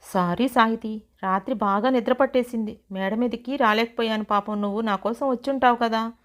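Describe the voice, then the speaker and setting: A woman voicing an affectionate young newlywed husband in a story, speaking in a soft, coaxing way. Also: fairly high pitch, fairly even intonation, moderate pace, lightly acted.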